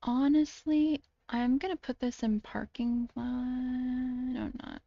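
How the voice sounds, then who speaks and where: A woman's voice: sits high, level tone, takes it slowly, highs cut off. A tired, sleepy-sounding woman hosting a casual voice call, hesitant and full of ums and restarts. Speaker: video creator hosting a call.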